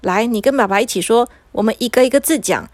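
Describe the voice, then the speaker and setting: A woman voicing a father gently coaxing his son to speak. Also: a little high, no echo, natural voice. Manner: soothing, slow coaxing.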